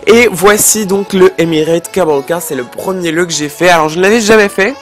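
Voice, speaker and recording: A man's voice: high-pitched, brisk, a bit bright, faint music behind. A French teenage boy from France narrating his travel vlog in a chatty way, full of fillers and restarts. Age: teens. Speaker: travel vlogger. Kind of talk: casual travel vlog voice-over.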